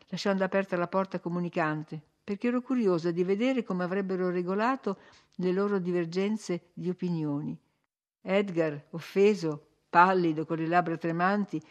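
A woman reads a classic novel aloud in first person as an audiobook. Her delivery is measured and expressive. She uses a mid-pitched voice that sits in the middle of the range. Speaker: audiobook narrator. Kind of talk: literary audiobook narration.

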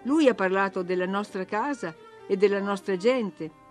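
A woman's voice: mid-range voice, moderate pace, soft background music, lightly acted. A woman voicing a spoiled, imperious young girl who gives orders and grows indignant, in a storybook reading. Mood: haughty. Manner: bossy, indignant, whiny.

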